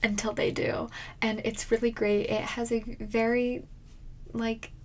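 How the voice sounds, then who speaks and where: A woman in an ASMR role-play as a friendly librarian, chatting casually and haltingly in a soft, breathy soft voice. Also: little pitch movement. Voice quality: soft, breathy soft voice with some low voicing.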